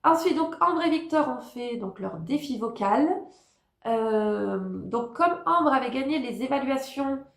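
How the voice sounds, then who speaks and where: A woman's voice: high-pitched, animated, unhurried, reverberant. A woman giving a casual spoken review as a vlogger, hesitant, with many fillers and restarts. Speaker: YouTuber reviewing a TV talent show.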